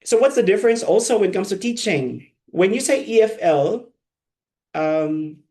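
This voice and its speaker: This ESL teacher trainer from the Philippines has a gravelly, high-pitched voice with a darkish tone, and he's animated while speaking at normal speed. During a live online session, he teaches in a conversational lecture style, quizzing trainees as he goes.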